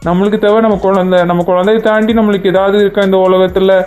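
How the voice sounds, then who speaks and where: A man's voice: sits high, flat delivery, fast, a little mellow, lightly acted. A man voicing a worried, impatient father of missing children in a cartoon, demanding answers from the police. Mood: coaxing. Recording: music faintly behind.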